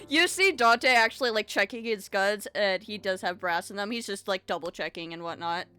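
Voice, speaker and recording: A young woman running a tabletop game as game master, giggly and lively, with lots of fillers. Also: mid-range voice, moderate pace, smooth, no room sound, soft background music.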